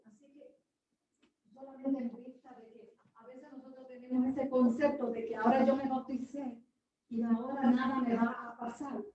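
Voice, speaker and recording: A woman's voice: sits high, little pitch movement, normal speed, warm tone. A woman teaching a baptism class in an earnest, exhorting way, switching between Spanish and English, recorded from a distance with a dull sound. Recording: distant, roomy, dull sound with faint noise.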